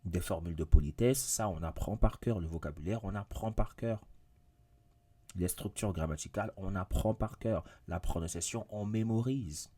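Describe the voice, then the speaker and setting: Casual video teacher, male; deep and warm, drives each point home by repeating it. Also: normal speed. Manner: repetitive, emphatic, addresses viewers directly. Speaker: English teacher.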